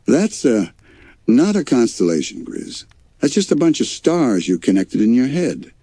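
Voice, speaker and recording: A man's voice: mid-range voice, very animated, measured pace, mellow, breathy edge, no room sound, voice pushed up. A man voicing a timid, worrying, sweet male panda in a bedtime story, hesitant and wry.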